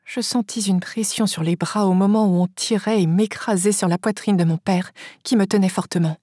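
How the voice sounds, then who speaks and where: Brief: woman narrator, husky voice, dry close sound, steady first-person audiobook reading. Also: medium pitch, moderate pace, no room sound.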